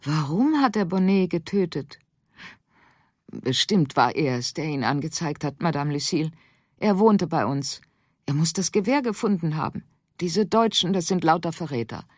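A reader voicing a frightened farm wife who talks urgently and pleads for help. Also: female voice, low-pitched, expressive, moderate pace, no room sound, clean studio sound, pitched above the performer's own voice. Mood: lamenting. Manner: urgent, breathless, lamenting. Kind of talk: audiobook character voice.

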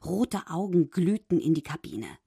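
A woman telling a children's story with lively, animated rises and falls. Her voice is slightly husky and breathy, recorded close and dry. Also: fairly low pitch, measured pace, no echo. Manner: expressive, dramatic reading. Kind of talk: storybook narration.

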